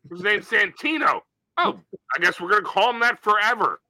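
A man's voice: high-pitched, animated, brisk, pushed and bright, no room sound. A man co-hosting a podcast, riffing in casual comedic banter and slipping into silly put-on voices. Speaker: podcast co-host.

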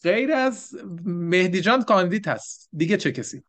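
A man's voice: high-pitched, big pitch swings, a bit bright. Man teaching a Bible lesson. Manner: explanatory, asks the group questions. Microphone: microphone for an online stream.

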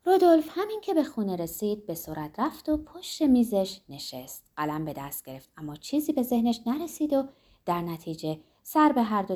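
A woman narrating a novel aloud in a calm, expressive storytelling voice. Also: medium pitch.

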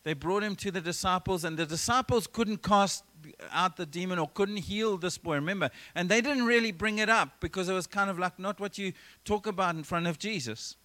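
Pastor, male, high voice, preaching an earnest church sermon with emphatic phrasing and quick restarts. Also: pushed and bright. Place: church service.

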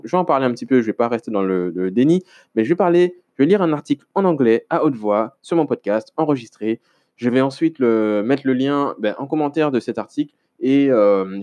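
A man's voice: mid-range voice, a little mellow. A man hosting a casual solo podcast, rambling and hesitant with many restarts and self-mocking asides. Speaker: podcast host.

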